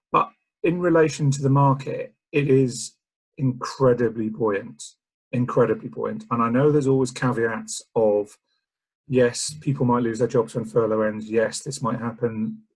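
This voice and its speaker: A man speaks as a solicitor guest with a husky, slightly hoarse voice. His pitch is ordinary. He tells dry, self-deprecating jokes in a relaxed, casual way. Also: moderate pace, low-quality recording. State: a bit hoarse, frog in throat. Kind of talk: casual joking talk.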